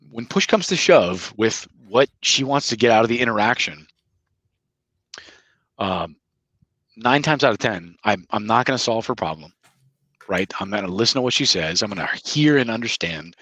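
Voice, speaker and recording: A man with a lowish voice talks through dating advice on a podcast, emphatic and a little lecturing. He often repeats words as he goes. The sound is dry, with no room around it. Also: lively intonation, moderate pace, long pauses, sharp tone, no echo, rough recording. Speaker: podcast co-host. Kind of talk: casual advice chat. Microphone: headphones with mic.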